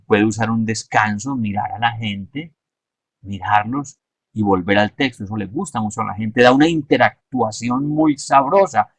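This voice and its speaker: A man giving a measured, explanatory lesson and stressing his key points. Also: fairly low pitch, no echo. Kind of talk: instructional talk.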